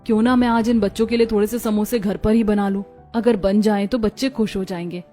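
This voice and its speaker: A woman's voice: mid-range voice, fairly even intonation, fairly quick, mellow, soft background music, close to an everyday voice. A woman voicing a worried but dignified young mother in a cartoon story, firm and caring. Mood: gentle.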